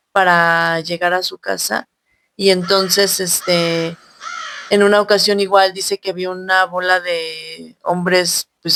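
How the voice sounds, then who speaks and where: A woman's voice: fairly low pitch, fairly bright tone, dry recording. A woman with a Mexican accent telling a ghost story casually, rambling with many fillers.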